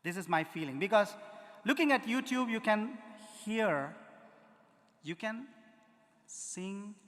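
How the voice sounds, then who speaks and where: A music lecturer with an Indian accent talks slowly and expressively to listeners in a big auditorium, his somewhat bright voice sitting high for a man. Between questions to the crowd, he sounds out rhythm syllables, and everything rings with the space's lengthy reverberation.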